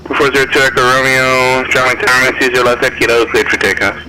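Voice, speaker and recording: A man's voice: mid-range voice, little pitch movement, fast. A man working as an air traffic controller, heard over an aircraft radio in clipped radio phraseology. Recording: noisy radio transmission.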